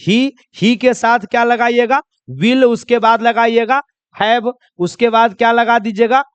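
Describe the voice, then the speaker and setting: High, smooth-voiced male English teacher. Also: fairly even intonation, a little slow, dry recording. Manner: repeats questions and answers to students, drills sentences. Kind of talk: classroom lesson.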